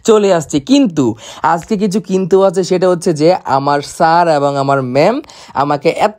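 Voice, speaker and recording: A slightly high-voiced man talks straight to camera in a loose, rambling vlog. He speaks fast and playfully and keeps speeding up whenever he tries to slow down. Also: a little mellow. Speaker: makeup artist vlogger. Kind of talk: casual chatty vlog to camera.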